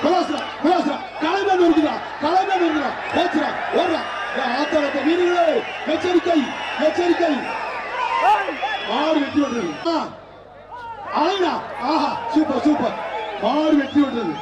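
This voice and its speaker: High shouting announcer over a loudspeaker. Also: male voice, measured pace. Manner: shouting, repeating short calls. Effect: through a loudspeaker system. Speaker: event announcer. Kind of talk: live shouted commentary. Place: outdoor bull-taming arena. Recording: echoey, distant, dull loudspeaker sound. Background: loud cheering crowd and noise.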